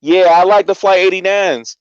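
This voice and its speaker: A smooth male voice with an American accent, pitched a little high. He chats casually as a stream guest, over audio that is dry and somewhat dull. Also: normal speed, no echo. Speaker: livestream guest. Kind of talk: casual chat.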